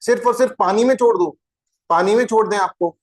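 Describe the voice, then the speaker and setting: A man's voice: sits high, fast talker. A man teaching an exam-prep geography lecture, chatty and informal, who keeps asking his students rhetorical questions.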